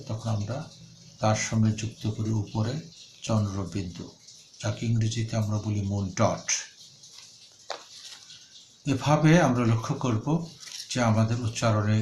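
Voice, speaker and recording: A man, a professor, giving a measured lecture and carefully enunciating example sounds one at a time. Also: lowish voice. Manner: slow, deliberate, enunciating each example sound. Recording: echoey room with faint ambient noise.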